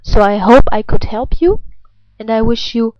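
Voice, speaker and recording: A woman's voice: on the high side, expressive, moderate pace, darkish tone, no room sound. A woman with a German accent, a native German speaker, giving a pronunciation lesson and demonstrating a throaty, gargled R. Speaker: pronunciation teacher. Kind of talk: instructional language lesson. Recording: dull, lo-fi sound.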